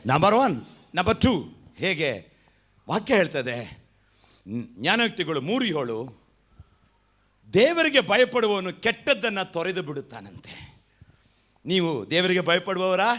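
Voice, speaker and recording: A man's voice: high-pitched, a little slow, long pauses. A man with a Kannada accent preaching a sermon as pastor, calling on the congregation to answer and repeat after him. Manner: animated preaching with call-and-response.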